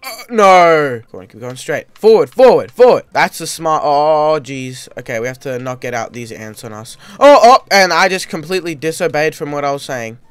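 A man giving excitable let's-play commentary as host of his gaming channel, yelping and shouting at every mishap. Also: a little high, moderate pace, hardly any pauses, clear, resonant tone, no echo.

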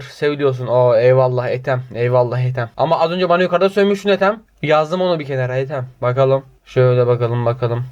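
A man reads viewer comments aloud in a casual vlog, answering them with mock outrage and sarcastic teasing. He mutters the same filler phrases over and over in a sing-song way between comments. The audio is slightly dull and lo-fi. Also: a little high. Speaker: YouTuber reading viewer comments.

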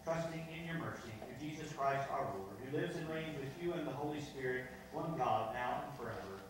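A man intones liturgical prayers as a pastor in a measured, solemn voice, with a cathedral echo trailing every phrase. He is heard from across a large church sanctuary, well away from the mic. Steady background noise runs beneath him. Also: medium pitch. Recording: echoey church from far off, noisy.

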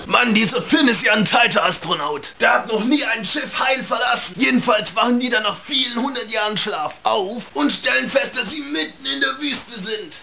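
Brash high-voiced man reviewing. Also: moderate pace, creaky, few pauses, a crowd in the background. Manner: brash, crude slangy jokes, often shouting. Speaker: comedic game reviewer. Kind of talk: comedic game review narration.

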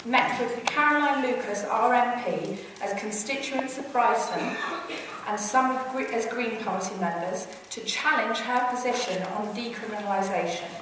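A woman's voice: on the high side, moderate pace, distant mic, background noise. Woman activist in an echoey hall. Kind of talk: statement to a meeting.

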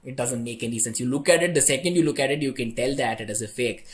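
A man's voice: medium pitch, fast talker. A young man teaching a tech tutorial in a chatty way, often checking in with "right?". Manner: conversational, ends points with "right?". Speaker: online instructor.

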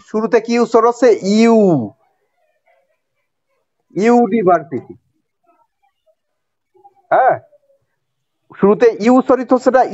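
A male teacher with a Bangladeshi accent and a fairly high voice walks students through a grammar point. He repeats each rule and keeps checking whether they follow. The recording is dry and a little muffled. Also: a little mellow, no room sound. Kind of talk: classroom grammar lesson.

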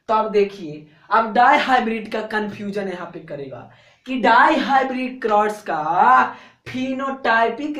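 A man's voice: high-pitched, fairly bright tone. A male biology teacher with a Bihari Hindi accent talks students through exam questions in a chatty, coaxing way. He chants the numbers to memorise over and over, like a drill. His voice rings around a bare, echoey room. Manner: drills answers by repeating them in a chant; colloquial and coaxing, keeps checking "theek hai na". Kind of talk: exam-prep lecture.

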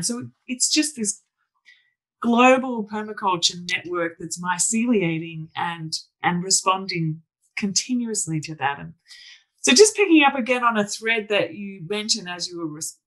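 A woman's voice: fairly low pitch, a bit bright, poor audio. A woman hosting a podcast interview, talking enthusiastically in long rambling sentences full of restarts. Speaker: podcast host. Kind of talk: conversational interview.

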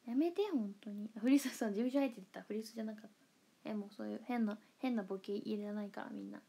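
A woman's voice: medium pitch, fast, gravelly, dark tone, slightly rough. A young woman with a Kansai accent, chatting playfully on a livestream and reading comments aloud, with frequent giggles and murmured asides. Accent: Kansai Japanese. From Kansai, Japan. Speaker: idol livestreamer.

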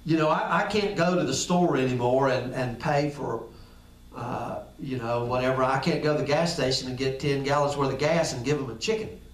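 A man's voice: medium pitch, normal speed. A man preaching a sermon in a folksy, conversational way. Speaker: pastor. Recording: echoey room, picked up from a distance.

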